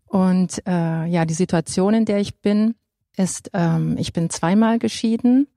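A woman's voice: lowish voice, a little slow, mellow, no room sound, studio quality. A woman in her forties sharing a personal testimony on a panel, hesitant and full of fillers. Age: 40s. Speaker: panel guest.

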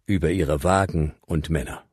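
Man playing the voice of god, very deep, husky, grave and commanding, dry close recording. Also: a little mellow, no room sound. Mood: solemn commanding. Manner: solemn, grave, measured.

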